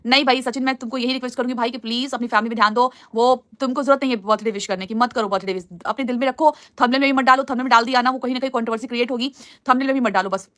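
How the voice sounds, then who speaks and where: A woman's voice: on the high side, fairly even intonation, rapid-fire, a bit bright, dry recording. A woman hosting a casual live stream, answering viewer comments in an earnest, pleading way. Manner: earnest, pleading, repeats "please" often.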